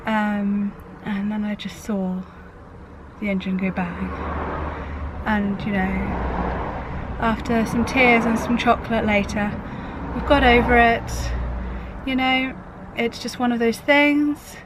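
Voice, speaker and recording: A woman, croaky from a cold, chatting rambly and casually in a camper van vlog. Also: a little high, flat delivery, slow pace. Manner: chatty, rambling, self-interrupting. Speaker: craft vlogger. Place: inside a camper van on a busy main road. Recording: traffic noise from a main road. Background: road traffic noise.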